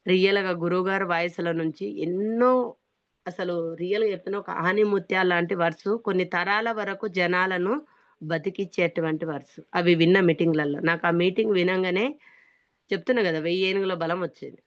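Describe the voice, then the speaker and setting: A woman's voice: lowish voice, steady tone, a little fast, no room sound. Earnest Telangana-accented woman, dull recording. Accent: Telangana Telugu. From Hyderabad, India. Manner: earnest and emphatic, often stressing that she is being sincere. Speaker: business testimony speaker. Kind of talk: motivational testimony talk. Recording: dull, dry, lo-fi sound.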